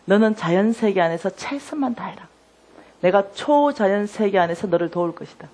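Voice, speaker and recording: A woman's voice: mid-range voice, lively intonation, moderate pace, darkish tone, lightly acted. A woman quoting God, speaking firm, repeated commands in her own voice. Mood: solemn.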